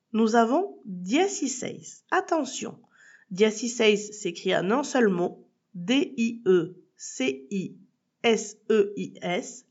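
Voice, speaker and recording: A Spanish teacher, a woman, runs a language lesson as a podcast, patiently spelling words letter by letter and addressing the listener directly as tu. Her voice is medium-pitched and a little mellow, though the recording is muffled.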